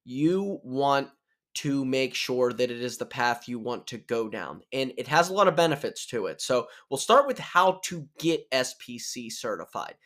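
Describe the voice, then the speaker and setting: Despite a cold-sore throat, this solo podcast host is very animated, his medium-pitched, slightly bright voice moving at a moderate pace. He chats upbeat and casual, often restarting and correcting himself as he explains.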